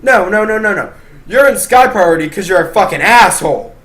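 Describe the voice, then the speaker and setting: Young male vlogger, high voice, exasperated profane storyteller with big loud-quiet swings. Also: lively intonation, fairly quick. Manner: profane, exasperated, swings between shouting and muttering. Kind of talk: ranting storytime monologue.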